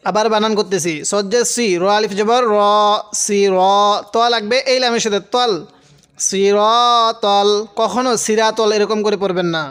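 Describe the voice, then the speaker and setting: A man teaching Quran reading in a lesson, spelling out each word slowly and pausing for viewers to repeat after him. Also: high voice, smooth. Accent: Bangladeshi Bengali. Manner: slow drawn-out syllable-by-syllable recitation, then quicker plain explanation; addresses viewers directly and pauses for them to repeat.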